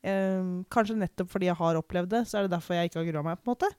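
A young woman from Norway giving a candid, reflective personal account in conversation, pausing and restarting often. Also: fairly low pitch, darkish tone, clean tone, dry recording, studio quality. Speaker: podcast guest.

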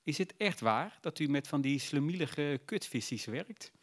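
A man's voice: a little high, expressive, measured pace. A man voicing a big, boorish teenage schoolboy who mocks his new teacher. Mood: mocking. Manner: cheeky and mocking. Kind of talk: storybook reading.

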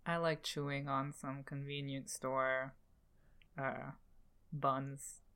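A woman's voice: extremely low pitch, level tone, slow, fairly bright tone, clear, resonant tone. A woman chatting casually as a player in a dating guessing game, with a playful, giggly manner. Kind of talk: casual game chat in character.

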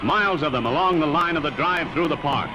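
A man's voice: on the high side, brisk, heavy background noise. A man narrating a 1940s newsreel in a punchy, declamatory announcer style, played back from an old newsreel soundtrack. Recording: old newsreel with loud band music. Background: loud music.

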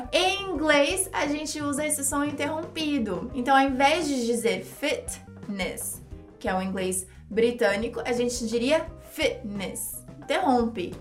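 Brazilian lady teaching pronunciation, high voice, upbeat, makes you repeat words. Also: a bit bright. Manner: upbeat, drills words for repetition. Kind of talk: online pronunciation lesson.

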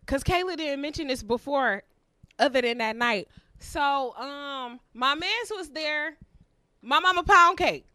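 A woman's voice: high-pitched, expressive, measured pace, bright, forceful tone, dry recording. A woman co-hosting a casual podcast chat, laid-back and slangy, often trailing off with fillers. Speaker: podcast co-host.

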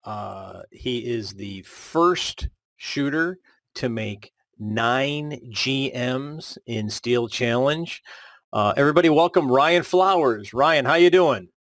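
Older man, podcast host, from buffalo, relaxed, filler-heavy, dry close sound. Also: mid-range voice, slow, no room sound. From Buffalo, New York. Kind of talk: casual podcast chat.

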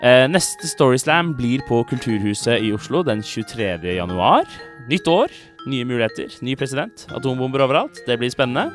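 A man's voice: medium pitch, big pitch swings, hardly any pauses, soft background music. A man hosting a storytelling podcast in a dry, teasing way. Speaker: podcast host. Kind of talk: casual podcast chat.

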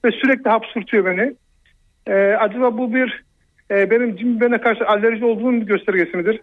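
A man's voice: sits high, fairly even intonation, fast, dry recording, narrow, tinny audio. Man in his 30s, radio caller, landline phone sound, hesitant, dry close line. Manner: hesitant, many fillers. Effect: over a landline phone. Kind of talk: caller asking a question on a radio show.

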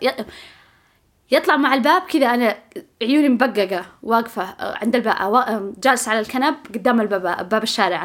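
A woman with a Saudi Gulf accent telling a casual story to her viewers. She talks in a chatty way, repeats herself often and sometimes drops to a whisper. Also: fairly high pitch. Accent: Saudi Gulf Arabic. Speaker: vlogger.

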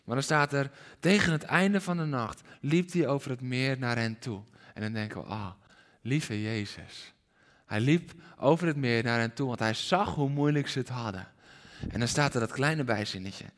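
Animated male preacher in a reverberant hall. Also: mid-range voice, moderate pace. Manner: animated, rising to urgent questions to the congregation. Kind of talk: sermon. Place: church hall with congregation and livestream.

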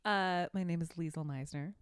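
A woman's voice: lowish voice, moderate pace, clean tone, dry recording, studio quality. A woman artist co-hosting a podcast in casual chat, chatty and giggly, poking fun at herself. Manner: chatty, giggly, self-deprecating.

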